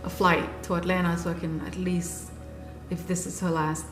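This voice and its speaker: A woman in her forties from Haiti, earnestly recounting her life in an unhurried interview. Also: on the low side, level tone. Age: 40s. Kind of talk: personal recollection. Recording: echoey room with music underneath. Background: music.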